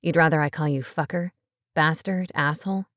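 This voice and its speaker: Woman voicing a cool taunting man, lowered voice, dry close sound. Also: fairly even intonation, normal speed, a bit bright, dry recording. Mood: mocking.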